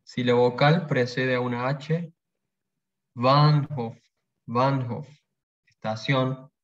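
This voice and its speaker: A man leads a pronunciation workshop. He talks in a calm, explanatory way and says each example word twice. His voice sits at a middle pitch, and the recording sounds muffled and lo-fi. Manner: patient, explanatory, pauses to repeat example words. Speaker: language workshop teacher. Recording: dull lo-fi sound.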